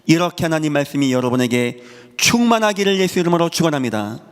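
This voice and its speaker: A male pastor delivering a sermon, preaching emphatically and swinging between loud high bursts and quiet low lines. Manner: emphatic preaching with sudden rises and drops in pitch and volume. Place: church sanctuary. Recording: long hall reverb in a church sanctuary.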